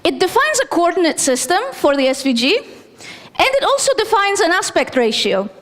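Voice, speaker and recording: A woman's voice: extremely high pitch, big pitch swings, a little fast, a bit bright. Conference speaker, woman from Greece, thirties, casual and self-deprecating, stage mic in a reverberant hall. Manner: chatty, self-deprecating, with fillers. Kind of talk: technical conference talk. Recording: long reverb of a large hall.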